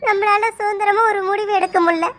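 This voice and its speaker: A woman's voice: very high-pitched, steady tone, fairly quick, a bit bright, a little hiss or hum. A woman voicing a tearful young village woman who pleads with fate.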